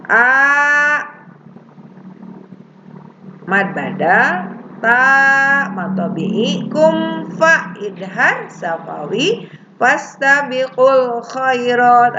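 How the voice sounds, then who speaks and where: A woman teaching Quran recitation rules, explaining plainly and chanting the verses slowly. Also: on the low side, gravelly, fairly bright tone. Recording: dull lo-fi recording with faint hiss.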